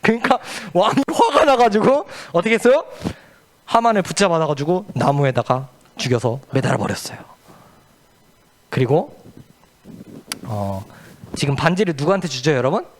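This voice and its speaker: Children's church teacher, animated storyteller, high lively voice. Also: male voice, normal speed, long pauses. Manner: asks the children questions, lively and playful.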